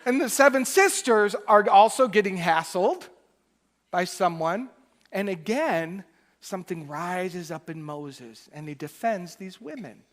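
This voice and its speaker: A male minister preaching a Sunday sermon in church, moving between loud emphatic bursts and soft, quiet asides. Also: sits high, animated, a little slow. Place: church during a Sunday service.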